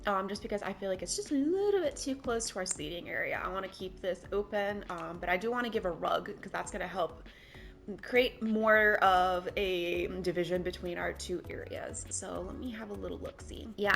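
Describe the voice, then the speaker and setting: Over faint background music, a young woman narrates her game build in a mid-range voice with lively intonation, vocal fry and a bit of brightness, at normal speed. She sounds slightly worn out, chatty and rambling, and is quick to laugh at herself, speaking into a desk microphone.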